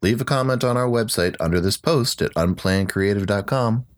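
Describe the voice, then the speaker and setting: A man's voice: lowish voice, brisk. A man hosting a solo podcast, talking through his picks in an upbeat, conversational way with light jokes. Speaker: podcast host.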